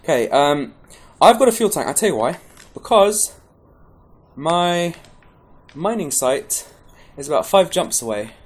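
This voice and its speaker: A man's voice: high voice, big pitch swings, unhurried, breathy edge. A man giving a casual, rambling gameplay tutorial, chatty and full of restarts. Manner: caffeinated, pepped up. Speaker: game guide presenter.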